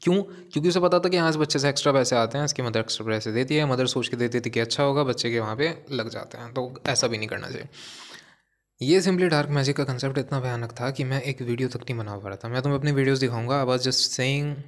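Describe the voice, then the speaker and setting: A young man with a hoarse voice, a vlogger delivering a heated, preachy monologue straight to his viewers. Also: medium pitch, quick pace. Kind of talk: ranting monologue to camera.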